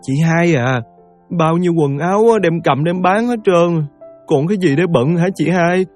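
A man's voice: fairly high pitch, normal speed, a little mellow, lightly acted. An actor with a Southern Vietnamese accent playing a thin, loyal young shoeshine boy who talks chattily and deferentially, over faint music. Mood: affectionate.

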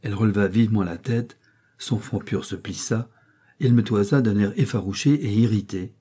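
A man calmly narrating a classic novella in a measured, literary reading voice with a husky quality. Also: on the low side. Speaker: audiobook narrator.

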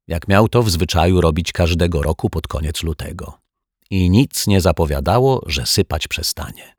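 A man narrating a children's story in a calm, measured reading voice. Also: low-pitched, breathy edge, no echo, studio quality. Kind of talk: audiobook storytelling.

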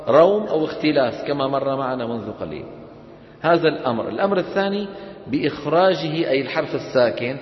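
Brief: male Quran teacher, fairly high voice, quizzes the class, recorded lo-fi in a roomy lecture hall. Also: slight background noise. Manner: asks the class questions and answers them, chants verses slowly. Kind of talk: classroom tajweed lesson.

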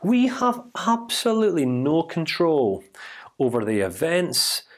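A man giving a motivational talk built around a personal story, told in an emphatic, animated way. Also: fairly high pitch, a little slow. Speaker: speaker.

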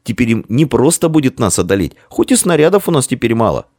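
A man's voice: medium pitch, big pitch swings, fast talker, a little mellow, dry recording, clean studio sound, voice pushed up. A man voicing a small, anxious but stubborn boy in a storybook reading. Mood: relieved.

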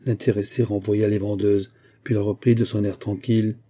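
Dark husky male audiobook narrator. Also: fairly low pitch. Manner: measured, expressive novel reading. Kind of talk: literary audiobook reading.

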